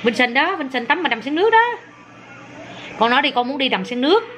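A woman's voice: high voice, very animated, brisk, fairly bright tone. A woman filming her toddler and coaxing the child to repeat words in a casual home vlog. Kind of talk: casual family vlog chat. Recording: noisy home video recording.

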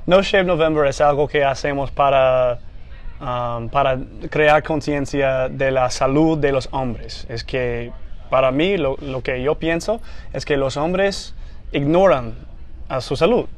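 A young American man, a native English speaker with a medium-pitched voice, is a guest on a news program. Seated on a couch in a small TV studio, he halts and searches for words, sounding a little nervous and laughing.

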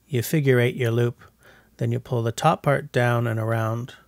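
The narration comes from a man in his forties, a bushcraft vlogger, whose mid-range voice is creaky with fairly even intonation at normal speed. He keeps things jokey and self-mocking in this casual vlog voice-over. Recorded on a voice-over mic away from the outdoors, the sound is clean studio quality without echo.

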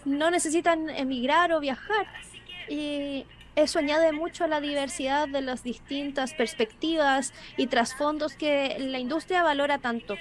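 A woman with a high, light voice gives a live interpretation over an online panel discussion. She keeps a brisk, even delivery and often clips a word and restarts it as she catches up with the speakers. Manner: brisk, with small word restarts and self-corrections.

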